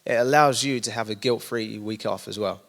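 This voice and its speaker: A man's voice: fairly low pitch, brisk, vocal fry. A man with an East London accent, a young adults pastor talking casually in an interview, telling stories with energy and lots of fillers. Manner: energetic, animated storytelling with many fillers.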